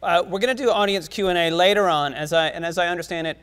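A man's voice: sits high, quick pace, fairly bright tone, clean tone. A man moderating a casual live interview on stage, asking questions conversationally. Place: stage before live audience. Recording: echoey hall, live event.

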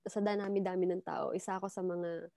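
A woman's voice: lowish voice, little pitch movement, a little fast, vocal fry, dark tone, dry recording, clean studio sound. A woman from the Philippines, chatting as an interview guest and telling a story with lots of fillers. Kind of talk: casual chat.

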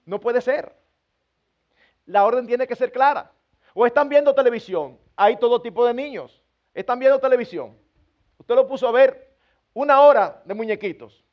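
Man preaching, very high voice, earnest pastor, playful asides, dull lo-fi sound. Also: expressive, normal speed, pauses often. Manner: earnest, acts out parents scolding children with humor. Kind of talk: sermon to a congregation.

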